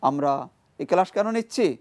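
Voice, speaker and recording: A Quran reading teacher leading a televised class, repeating each syllable slowly and emphatically and explaining where the tongue and throat form each sound. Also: mid-range voice, expressive, a little mellow. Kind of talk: televised call-and-response recitation class.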